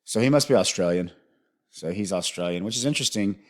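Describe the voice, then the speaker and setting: A man's voice: fairly low pitch, fast talker. A man hosting a music video reaction, thinking aloud in a rambling way and often restarting his sentences.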